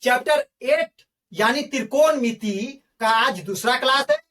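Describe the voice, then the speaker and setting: A woman's voice: high voice, unhurried, fairly bright tone, far from the mic. A woman teacher giving an online math lesson, who drills her students with call-and-response questions and calls them her friends. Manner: addresses viewers as friends.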